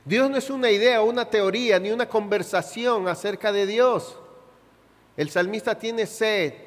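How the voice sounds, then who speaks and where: A man preaching a sermon as pastor, with a Chilean Spanish accent, asking his congregation questions and rising to sudden shouted peaks on slow, stressed words, in a reverberant church hall. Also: high voice.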